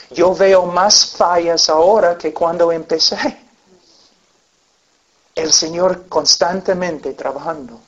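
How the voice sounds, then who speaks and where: A man preaching a sermon to a congregation, telling stories earnestly and acting out the people in them, on a dull lo-fi recording. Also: fairly high pitch. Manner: earnest storytelling with acted-out voices.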